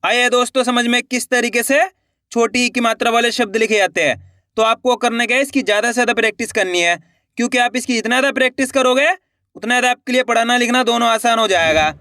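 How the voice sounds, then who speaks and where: Bright, high-voiced male teacher. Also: fast, no room sound, clean studio sound. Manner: draws out each word and drops low to finish it; asks the viewer questions and repeats answers. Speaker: Hindi writing teacher. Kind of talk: slow, patient spelling lesson.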